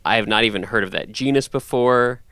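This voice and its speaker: A man's voice: medium pitch, fairly quick, fairly bright tone, dry recording. A man hosting a podcast in casual chat, rambling with many ums and restarts. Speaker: podcast host.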